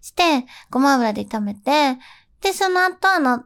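High-pitched chatty woman host. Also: expressive, moderate pace, a bit bright. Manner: chatty and giggly, sliding between polite and casual talk. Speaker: voice actress hosting a show. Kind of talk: casual chat.

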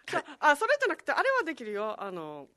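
A woman with a high, bright voice chats casually as co-host and drifts through fillers as she searches her memory. Her pitch moves in a lively way, and the dry close mic catches soft laughs. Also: fast, dry recording. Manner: easygoing, trails off with fillers, laughs softly. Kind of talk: casual livestream chat.

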